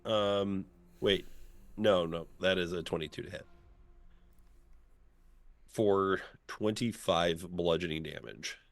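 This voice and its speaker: A man's voice: low voice, slow pace, gravelly, pauses often, no echo. A man acting as game master of a tabletop role-playing game, talking casually as he narrates and rules on play.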